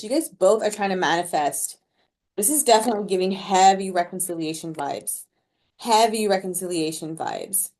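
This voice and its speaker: A tarot reader gives her viewers a casual group reading, her voice medium-pitched and a little mellow. She's chatty and slangy, laughs at her own comments, and sprinkles "like" throughout.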